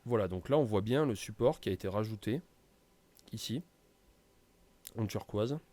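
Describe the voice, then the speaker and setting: Man, low and warm, talks through a screen tutorial loosely. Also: animated, normal speed. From France. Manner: casual, many hesitations and fillers. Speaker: tutorial presenter. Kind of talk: screen-recorded software tutorial.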